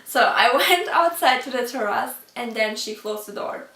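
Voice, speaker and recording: A woman with a high, light voice tells a story to her camera, chatty and quick to laugh between sentences. She stops now and then to check how she pronounces a word. She sits back from the mic, and her voice carries the echo of a roomy space. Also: lively intonation, sharp tone, distant mic. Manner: checks her own pronunciation aloud. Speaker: vlogger. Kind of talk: storytime vlog.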